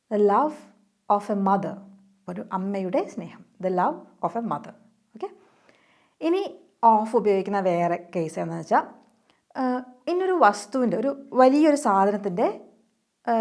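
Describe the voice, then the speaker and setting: A woman with a Malayali accent giving a casual spoken English lesson, explaining step by step and checking in with her learners. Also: mid-range voice.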